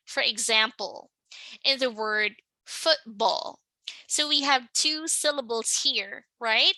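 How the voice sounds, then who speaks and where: A woman teaching English pronunciation in a slow, patient lesson, often checking in with the listener. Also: high voice, bright, forceful tone, no room sound, rough recording. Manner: patient, checks in with "right?" and "okay?".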